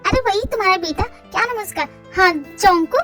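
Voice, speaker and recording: A woman voicing a middle-aged aunt who gently persuades and reassures. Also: extremely high pitch, expressive, normal speed, soft background music. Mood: persuasive. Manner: persuasive, soothing. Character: coaxing middle-aged aunt, mother's friend.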